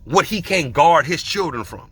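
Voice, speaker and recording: A man's voice: on the high side, normal speed, breathy edge. A man hosting a podcast, telling stories and giving emphatic, slangy opinions in casual commentary. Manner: animated storytelling, emphatic, slangy. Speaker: podcast host.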